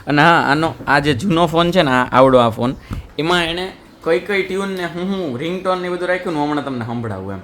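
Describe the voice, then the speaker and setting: A man's voice: fairly high pitch, expressive, quick pace, fairly bright tone, a little hiss or hum. A young man, chatting and joking in a casual home vlog. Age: young adult. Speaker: vlogger. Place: family home indoors.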